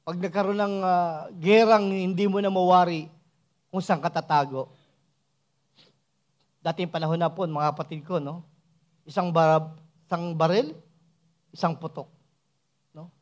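High-voiced man preaching a sermon. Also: fairly even intonation, measured pace, long pauses. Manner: frequent rhetorical "no?" and "mga kapatid ko" asides; swings from soft asides to raised, emphatic preaching. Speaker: church elder preaching.

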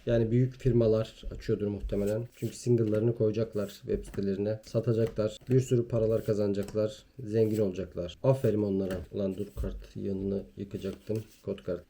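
Young man, pack-opening YouTuber, very dark mellow voice, rattles off card names, mutters asides, wrappers crinkling. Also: on the low side, a little hiss or hum. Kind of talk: casual pack-opening commentary.

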